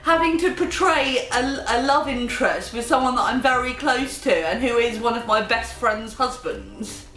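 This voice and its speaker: Eine Darstellerin spricht offen und ernsthaft über ihre Rolle. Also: female voice, fairly high pitch, expressive, moderate pace, hardly any pauses, a bit bright, faint music behind. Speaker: cast member. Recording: distant mic in echoey room.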